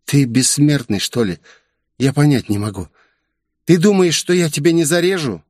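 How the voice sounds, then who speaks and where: A man's voice: on the high side, moderate pace, darkish tone, no room sound, clean studio sound, voice pushed up, close to an everyday voice. A man voicing a fierce, exhausted young superhuman woman who hisses curt threats. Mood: hostile.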